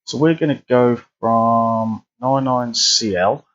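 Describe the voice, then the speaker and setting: A man's voice: mid-range voice, slow pace, fairly bright tone, highs cut off. A man chatting casually and rambling through live flight sim commentary, often restarting his sentences. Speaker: streamer.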